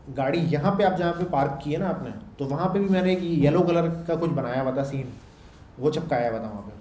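A slightly high, slightly mellow male voice belongs to a programming instructor giving an informal lecture. He explains conversationally and checks understanding with "samjh rahe ho" and "theek hai." The recording has room echo and a faint background hum.

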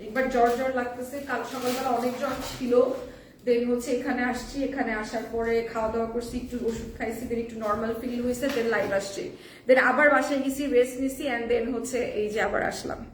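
A hoarse woman hosting a live selling stream, chatting casually and mixing in English phrases, heard in an echoey room with the mic at a distance. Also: on the high side, fairly even intonation, a little fast, slight background noise. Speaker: live-sale host.

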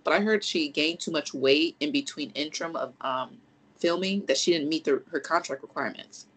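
Excitable podcast cohost, swears a lot, rambly, keeps restarting, mid pitch. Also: normal speed, breathy edge, low-quality recording. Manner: animated and profane, rambling with restarts, acts out reactions. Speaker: podcast co-host. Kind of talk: casual chat.

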